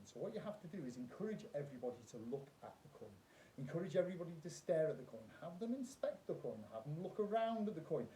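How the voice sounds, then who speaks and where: A man explaining a magic trick step by step as an instructor, emphatically repeating key points. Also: darkish tone. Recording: roomy echo, faint rumbling noise.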